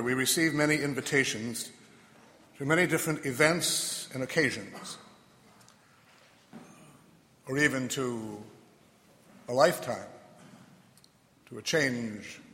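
A man delivers a thoughtful homily at a medium pitch. He moves through short, deliberate phrases and pauses between them. His voice rings with the long reverb of a big church. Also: pushed and bright. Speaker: preacher. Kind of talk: reflective homily.

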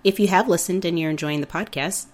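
A woman's voice: lowish voice, fast talker. A woman hosting a podcast in a scripted introduction, with a voice affected by being sick. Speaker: podcast host.

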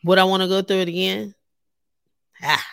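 A woman's voice: medium pitch, level tone, moderate pace, gravelly, fairly bright tone, smooth, dry recording, clean studio sound. A woman hosting her own podcast, talking casually and animatedly straight to her listeners, laughing often. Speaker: podcast host. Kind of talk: casual solo podcast talk.

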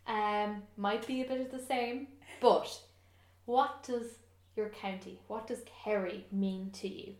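A woman's voice: medium pitch, fairly even intonation, slow pace, a little mellow. A woman asking questions in a casual interview. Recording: roomy echo with music behind.

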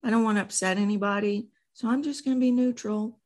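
A woman's voice: on the high side, steady tone, quick pace, a little mellow, pitched above the performer's own voice, close to an everyday voice. A woman voicing a timid, people-pleasing woman who avoids conflict, meek and hesitant.

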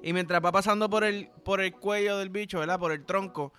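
A man's voice: sits high, fairly even intonation, a little fast, pushed and bright, faint music behind. A young man with a Puerto Rican accent hosting a casual comedic podcast. He rambles in a crude, playful way and keeps checking in with the listener. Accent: Puerto Rican Spanish. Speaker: podcast host.

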